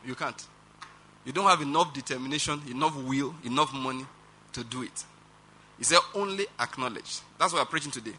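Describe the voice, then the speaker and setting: A man with a Nigerian accent preaches a sermon with a very bright, ringing tone, pitched a little high for a man. His delivery is animated and emphatic, full of rhetorical questions and chuckles. A faint hiss sits under the voice. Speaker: pastor.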